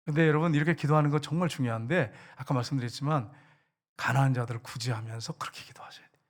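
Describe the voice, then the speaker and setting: A man's voice: mid-range voice, fast. A male pastor preaching a conversational sermon in a church, often asking the congregation questions and adding humorous asides. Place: church sanctuary.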